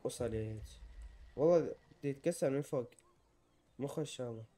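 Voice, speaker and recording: A young man with an Iraqi Arabic accent gives excitable let's-play commentary and often yells in panic while playing. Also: mid-range voice, fairly quick. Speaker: gamer.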